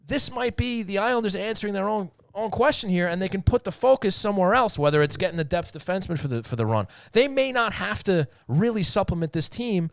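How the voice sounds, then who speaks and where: Co-host, New York man, lively and upbeat, fairly high voice, dry close mic. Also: a little fast, creaky, hardly any pauses, no room sound. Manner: animated, laughs often, answers his own questions. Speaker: podcast co-host. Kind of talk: excited hockey talk show chat.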